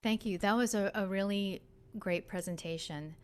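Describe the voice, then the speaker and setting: Polite woman judge with a smooth voice. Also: medium pitch, moderate pace. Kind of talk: asking questions on a video call.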